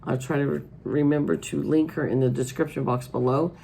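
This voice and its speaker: A middle-aged American woman hosts a casual vlog in a hoarse, stuffed-up voice. There is a strong gravelly creak in her speech. A faint noise sits behind her as she talks indoors at a table. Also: low-pitched, steady tone, a little fast, warm tone. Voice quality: froggy, hoarse. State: congested with allergies. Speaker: host of a colouring channel.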